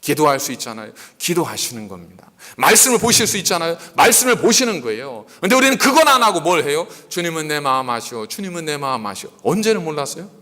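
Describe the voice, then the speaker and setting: A male pastor preaching a sermon, asking many rhetorical questions in an animated delivery. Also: a little high. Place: church sanctuary. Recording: echoey church hall.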